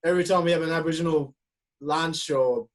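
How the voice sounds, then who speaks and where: A man's voice: fairly high pitch, fairly even intonation, fast. An Australian man co-hosting a podcast, joking and playful in casual chat. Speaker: podcast co-host, former footballer.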